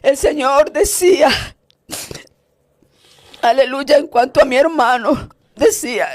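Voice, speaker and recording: A woman's voice: high-pitched, no room sound, clean studio sound. A woman preacher giving an emotional testimony sermon, fervent and emphatic, breaking in with hallelujahs. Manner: slow, emphatic delivery.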